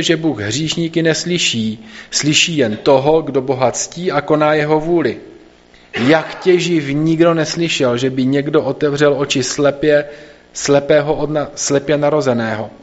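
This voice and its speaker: A man's voice: a little high, close to an everyday voice. A man voicing a formerly blind man who insists on what happened to him, in a slightly dull recording. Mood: insistent.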